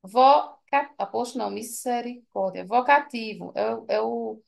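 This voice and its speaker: A woman's voice: a little high, a little slow, gravelly. A tired woman teacher, correcting an exam question by question in a chatty way and checking with her students. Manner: chatty, asks students for confirmation. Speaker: Portuguese teacher.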